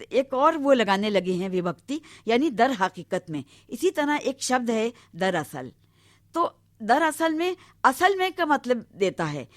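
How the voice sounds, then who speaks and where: Middle-aged female lecturer, slightly high voice, dry booth sound, patient and methodical. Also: no room sound. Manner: measured, explanatory, lists examples one by one. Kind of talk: recorded Hindi grammar lecture.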